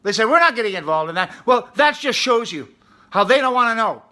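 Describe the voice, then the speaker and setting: Bright-voiced man hosting mock-serious talk. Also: very high-pitched, sing-song, a little fast. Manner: earnest, mock-serious, interviewing food. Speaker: comedic show host. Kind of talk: deadpan mock talk show. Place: studio.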